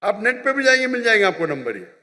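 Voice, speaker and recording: Fielding an audience question at a public religious talk, a man lectures fast and with great animation in a high, pushed, bright voice. The big hall rings around him as he hammers points home, repeatedly asking "you understand?".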